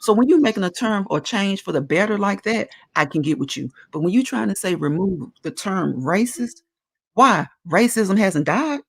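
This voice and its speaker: A woman's voice: medium pitch, lively intonation, moderate pace, creaky, slightly rough. A woman in her forties talking at length in a casual discussion, earnest and emphatic as she explains her views. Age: 40s.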